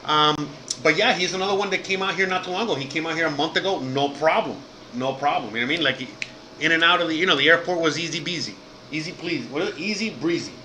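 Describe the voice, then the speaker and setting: A man's voice: on the high side, fast talker, bright, forceful tone, slight background noise. A Cuban-American man from Miami with a Miami Cuban accent, rambling through a casual, profane livestream chat as host while sick with food poisoning. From Miami, USA. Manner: rambling, profane, lots of "you know what I mean".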